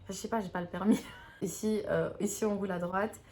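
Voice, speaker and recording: A woman's voice: mid-range voice, fairly even intonation, fast talker, warm tone. Chatty young woman vlogging. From Belgium. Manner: chatty, hesitant, self-mocking. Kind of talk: casual vlog chat.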